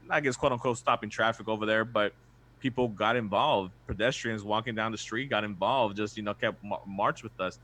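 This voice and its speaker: A man's voice: lowish voice, bright, forceful tone. A man co-hosting a fan podcast, talking in a laid-back way full of fillers. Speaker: podcast co-host. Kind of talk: casual chat.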